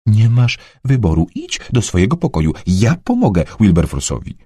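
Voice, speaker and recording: A man voicing a determined father who gives urgent, hushed orders in an audiobook. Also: very animated, normal speed, slightly rough, dry recording, clean studio sound. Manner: low hushed commanding tone.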